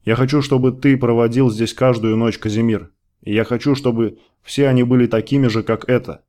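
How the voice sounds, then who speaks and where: A man reading the lines of a worried, loving woman who gently pleads with her lover in an audiobook. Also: mid-range voice, fairly even intonation, fairly quick, natural voice. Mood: tender.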